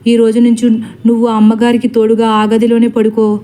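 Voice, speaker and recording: A woman voicing a grave landlord son who gives short, calm orders. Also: on the high side, brisk, close to an everyday voice. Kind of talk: storybook acting.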